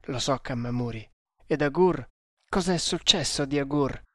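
A man reading aloud and voicing a proud adult hunter who speaks forcefully and in despair. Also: mid-range voice, normal speed, no room sound, studio quality. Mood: stern. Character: grieving proud male jungle hunter, adult.

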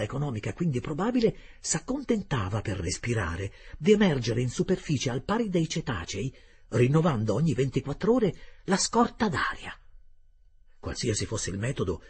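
Male audiobook reader, very husky voice, lively pitch. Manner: expressive first-person storytelling. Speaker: audiobook narrator. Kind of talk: audiobook reading of a classic novel.

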